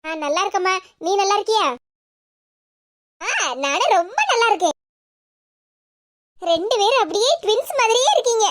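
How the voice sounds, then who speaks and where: Friendly, gossipy village women in a cartoon, all done by one woman, very high-voiced and speaking with a Kanyakumari accent. They chat warmly with one another. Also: expressive, moderate pace, pauses often. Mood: chatty. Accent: Kanyakumari Tamil. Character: chatty women of an extended village family.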